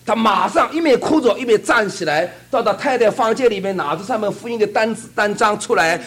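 A man's voice: high voice, a little fast, fairly bright tone, husky. A man preaching a fervent sermon and telling a testimony, asking the congregation rhetorical questions.

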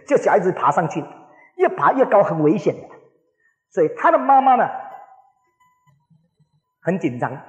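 A man in his forties preaching a sermon, telling stories with lively acted-out quotes, recorded in an echoing hall. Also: fairly high pitch, muffled recording. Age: 40s. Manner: animated storytelling, acts out quoted voices. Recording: echoey hall with long reverb.

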